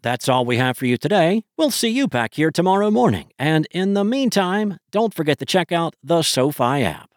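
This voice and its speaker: A man's voice: on the high side, big pitch swings, normal speed, few pauses, no echo, clean studio sound. A man hosting a podcast, reading scripted financial news. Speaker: podcast host.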